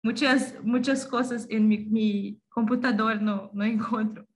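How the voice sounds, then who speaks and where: A woman's voice: on the high side, fairly even intonation, measured pace. A woman with a Brazilian accent and Portuguese as her native language gives an informal academic talk, hesitantly searching for words. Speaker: gastronomy teacher presenting her research. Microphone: computer on a video call. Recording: video call with clear background noise.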